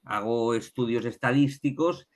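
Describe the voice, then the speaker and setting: A Catalan-accented man, speaking as an author and guest, talks through his research in a relaxed interview. His mid-range voice moves a little slowly, and he sounds thoughtful, often restarting and tacking on tag questions.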